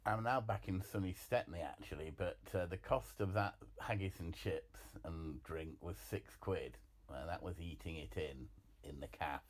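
A man's voice: sits low, normal speed. A man giving a casual spoken food diary in a wry, rambling, self-mocking way. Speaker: vlogger. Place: chip shop café. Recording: loud background noise.

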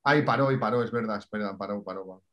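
A man with an accent from Spain in a casual sports chat, colloquial and excitedly repeating his words. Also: on the low side, rapid-fire.

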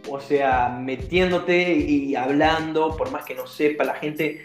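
Man from Brazil, slangy storyteller, slightly high voice, roomy echo, faint music behind. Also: slow pace. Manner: slangy, laughing, animated storyteller. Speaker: guest. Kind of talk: casual storytelling chat.

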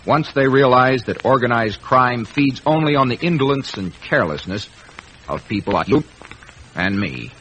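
American man, scripted radio address, oratorical, lively intonation, slightly noisy old recording. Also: mid-range voice, normal speed. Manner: earnest, oratorical. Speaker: actor giving closing address.

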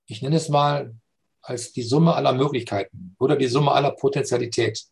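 Speaking in a mid-range, creaky voice, a man reflects slowly on spiritual and philosophical matters in conversation. He often tags his points with "ja?" to check for understanding.

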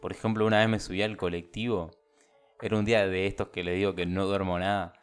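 A man with a Buenos Aires accent telling a story casually on a podcast, animated and acting out what people said. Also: low voice, fast talker, smooth. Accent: Argentine, Buenos Aires. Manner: animated, acts out the dialogue of people in his story. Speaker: podcast host.

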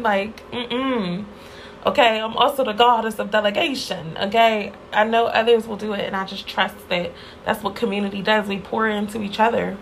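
A woman hosting her own podcast speaks in an effusive, heartfelt monologue at a middle pitch. She talks in loose casual chat, full of fillers and y'all. A faint hiss sits under the recording. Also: vocal fry, poor audio. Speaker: podcast host.

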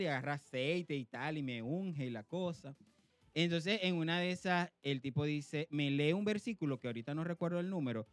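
Animated Venezuelan man telling a story. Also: fairly high pitch, no echo. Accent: Venezuelan Spanish, Zulia. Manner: animated storyteller, laughs often, acts out quoted voices. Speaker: podcast co-host. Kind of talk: casual storytelling chat.

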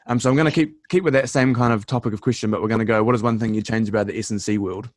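A man's voice: fairly low pitch, fairly even intonation, racing, no room sound, studio quality. A young man with a New Zealand accent hosting a casual interview in an informal, matey way. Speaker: interviewer, host.

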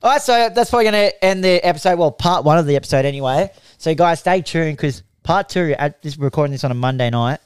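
A young Australian man with a smooth, clear and slightly high voice. He hosts a casual footy tipping podcast, ribbing his co-hosts in a laid-back way. The sound is close and dry, with no room in it. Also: animated, quick pace, few pauses, no room sound. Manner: teasing, laid-back banter. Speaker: podcast host.

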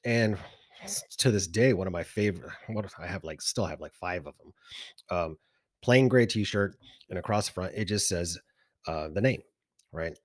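A low-voiced man chatting casually on a podcast, spinning animated stories and slipping into the voices of the people in them. The sound is dry and close, with no room around him. His talk rambles easily, full of asides. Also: normal speed, no room sound. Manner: animated storyteller, acts out quoted voices. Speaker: podcast co-host. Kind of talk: casual chat.

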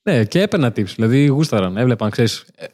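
Relaxed young man telling stories. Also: medium pitch. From Crete, Greece. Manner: relaxed storytelling, laughs easily. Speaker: guest comedian. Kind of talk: casual podcast chat.

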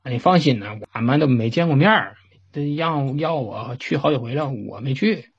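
A man playing an evasive, smooth-talking man who coaxes and pleads, with a husky voice. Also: medium pitch, animated, normal speed, highs cut off. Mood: defensive. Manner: coaxing, pleading.

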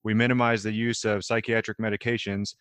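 A man hosting an interview, reading out prepared questions in a measured, deliberate way. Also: on the low side, little pitch movement, a bit bright, clean tone, no echo. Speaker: interview host.

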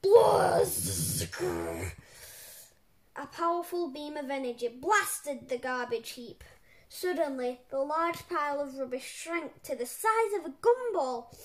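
High-pitched lady reading a kids' book aloud, slow and playful. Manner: animated, playful. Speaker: storyteller.

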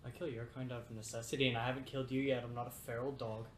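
A man's voice: medium pitch, flat delivery, very fast, roomy sound, background noise. Blunt man playing a tabletop game. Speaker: player. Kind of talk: casual tabletop play.

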